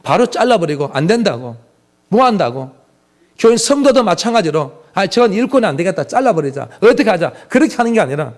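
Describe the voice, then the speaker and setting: A high-pitched male pastor preaches a sermon emphatically, filling it with rhetorical questions for the congregation.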